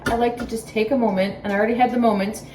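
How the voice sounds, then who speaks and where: A fairly high-voiced woman chats to her viewers about daily life, talkative and openly dramatic, breaking into laughter often. She is a stay-at-home mom filming in her home kitchen. The sound is roomy and echoey, with her voice picked up from a few feet off the mic. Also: steady tone, rapid-fire, far from the mic. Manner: chatty, self-described dramatic, laughs often. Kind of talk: casual chat to camera. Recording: echoey room, voice off-mic, faint background noise.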